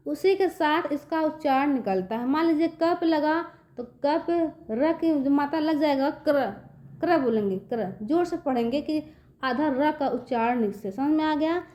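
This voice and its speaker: High-voiced patient woman teacher. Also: normal speed, a little mellow. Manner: patient, repeats checks for understanding. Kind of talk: children's online Hindi lesson.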